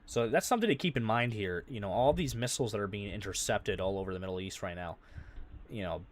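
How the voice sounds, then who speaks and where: A man's voice: lowish voice, quick pace. A man hosting a live breaking-news stream, reading viewer comments aloud and talking unscripted with frequent fillers. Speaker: livestream news host.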